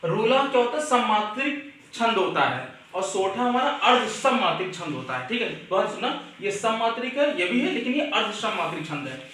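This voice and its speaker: A man teaching a Hindi exam chapter, mixing English and Hindi and repeating key points slowly. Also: sits high, very animated, sharp tone, slight background noise. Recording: echoey room, mic far off.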